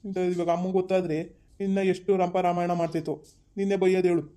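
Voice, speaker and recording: A fed-up husband in a village family drama, played by a man, scolding. His voice sits a bit high yet sounds warm and mellow. He keeps it flat and even as the complaints pile up. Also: quick pace, smooth, close to an everyday voice. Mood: upset. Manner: scolding, exasperated. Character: frustrated husband who lost his savings. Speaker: actor.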